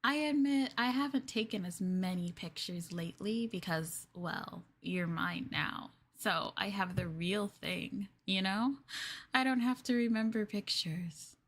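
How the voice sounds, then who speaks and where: Unhurried and medium-pitched, a woman voices a doting, lovestruck yandere girlfriend for an ASMR roleplay. Her tone is sweet, soft and coy, clingy and affectionate, and she talks in a flustered, hesitant way.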